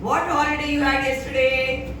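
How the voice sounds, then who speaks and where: A woman's voice: high voice, level tone. Woman, Indian accent, primary school teacher, simple question-and-answer with small children, distant mic, noisy background. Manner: simple, slow-stepped questioning, prompting children to repeat and praising answers. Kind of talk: classroom lesson for young children, question and answer. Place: school classroom. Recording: echoey noisy room, distant microphone.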